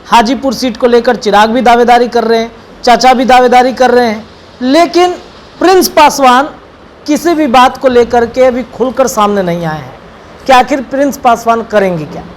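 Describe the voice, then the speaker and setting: A woman hosting a news discussion, speaking in a measured way as she sets up questions for her colleague. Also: a little high, a little hiss or hum. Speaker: news host.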